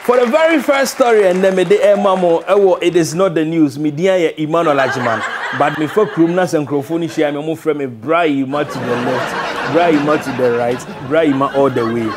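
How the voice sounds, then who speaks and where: A man's voice: on the high side, animated, brisk, hardly any pauses. A man in his thirties with a Ghanaian West African accent, hosting comic satirical news commentary in a theatrical, mock-serious way. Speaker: comedy news show host. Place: indoor TV studio set. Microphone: lapel mic. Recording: noisy, with crowd sound behind.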